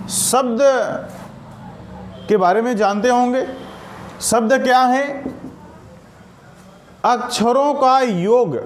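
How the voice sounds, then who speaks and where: Very high-voiced man teaching grammar. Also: roomy sound, slight background noise. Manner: asks questions and answers them himself; repeats key sentences slowly. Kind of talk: recorded grammar lesson.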